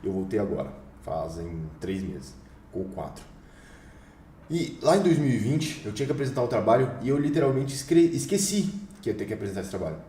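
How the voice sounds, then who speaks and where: Speaking brisk and mellow with a fairly low pitch and big pitch swings, this young Brazilian online course instructor delivers a laid-back motivational lesson in accented Brazilian Portuguese, slangy, emphatic, and occasionally profane. There's a little hiss or hum, a roomy echo, and some distance from the mic.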